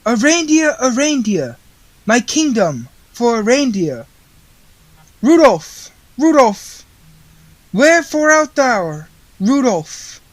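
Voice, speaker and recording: A performer playing a merry, stately Santa Claus in a mock-Shakespearean radio play, declaiming slowly and theatrically. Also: mid-range voice, sing-song, no echo, rough recording. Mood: grand, merry. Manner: slow, declamatory, theatrical delivery.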